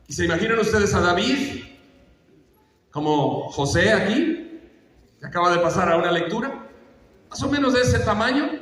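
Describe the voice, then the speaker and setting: A man preaching with animated storytelling, drawing his congregation into the tale. His voice sits high and bright for a man. It is picked up from afar in a big, reverberant church hall. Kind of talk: sermon. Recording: echoey church hall, mic far off.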